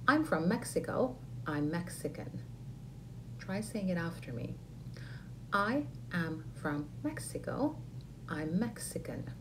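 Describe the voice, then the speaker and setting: A woman teaching an English lesson, saying model phrases slowly and clearly for learners to repeat. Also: on the low side, noisy background. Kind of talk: ESL lesson with repeat-after-me drills.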